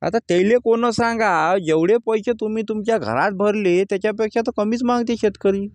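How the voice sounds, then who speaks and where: Standing out in his farm field, a farmer vlogs casually to the camera about crop prices, speaking bluntly in a plain way that builds into angry complaint. His voice is high with a darkish tone, he talks at a normal speed, and the recording is dry.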